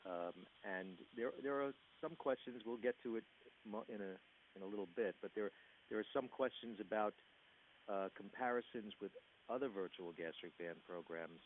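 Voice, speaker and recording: A man with a New York accent hosting a phone interview, halting with frequent restarts and a congested chest. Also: lowish voice. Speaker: interview host. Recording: tinny phone line with faint hiss.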